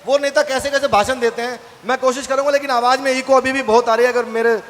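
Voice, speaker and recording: A man performing stand-up comedy and chatting straight to the audience, his voice booming with heavy echo through the venue speakers. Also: fairly even intonation, fast, fairly bright tone. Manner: chatty, addresses the audience directly. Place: live event hall. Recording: echoey hall through a PA.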